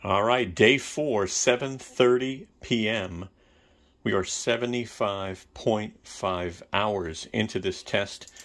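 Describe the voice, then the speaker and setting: A man's voice: lowish voice, slow pace, a bit bright. A man giving a casual tech product review, chatting straight to the viewer.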